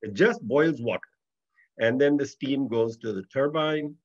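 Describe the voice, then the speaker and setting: A man's voice: medium pitch, measured pace. An older man giving an online lecture with slides over a video call, explaining plainly with a little humor, heard as a screen recording. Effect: video call audio from a screen recording. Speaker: guest speaker. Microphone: computer mic on a video call. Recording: dull lo-fi video call audio.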